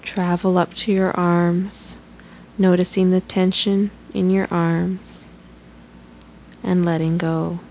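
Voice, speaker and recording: A woman leads a guided relaxation in a soothing, instructional manner. Her voice sits a little low and moves at a very unhurried pace. A faint hiss lies under the recording. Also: level tone, darkish tone, low-quality recording.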